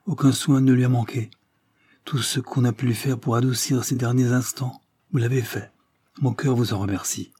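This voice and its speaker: A man reading an audiobook and voicing a stern, grieving aristocratic mother, with formal, measured speech. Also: fairly even intonation, warm tone, slightly rough, close to an everyday voice. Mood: grateful. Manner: formal, measured, voice raised higher for her.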